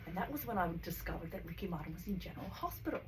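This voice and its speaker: A woman's voice: on the low side, expressive, very fast. Australian woman podcast host, effusive, filler-heavy; recorded off-mic with light background noise. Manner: gushing, rambling, heavy on fillers. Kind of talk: casual chat, guest introduction. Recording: distant mic, faint noise.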